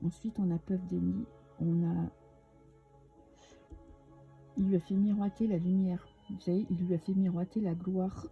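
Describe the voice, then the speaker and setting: A woman's voice: fairly low pitch, level tone, measured pace, vocal fry, pauses often, phone-quality sound, soft background music. A woman with a French accent giving a casual, chatty tarot reading to her viewers, with many fillers and restarts. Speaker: tarot reader.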